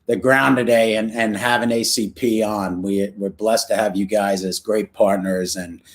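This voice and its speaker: A man's voice: on the low side, fairly even intonation, moderate pace. A man with a Brooklyn accent chatting casually and teasingly as a guest on a panel. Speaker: panel guest, nonprofit senior executive. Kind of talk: casual video panel chat.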